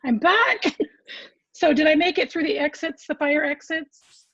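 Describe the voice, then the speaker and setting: A woman's voice: high voice, a little slow, no room sound. A woman giving a formal, point-by-point meeting report over a group voice chat, her connection cutting out. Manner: steady, list-by-list reporting with fillers. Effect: group voice chat audio that cuts out. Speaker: agency member reporting at a public meeting. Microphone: computer mic on a video call. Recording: dull lo-fi online call audio.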